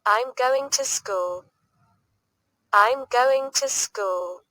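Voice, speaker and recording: A woman reading short everyday English sentences for beginners, saying each one twice, clearly and deliberately. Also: a little high, sharp tone, no room sound. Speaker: English teacher. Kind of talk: slow repeated phrase drills for learners.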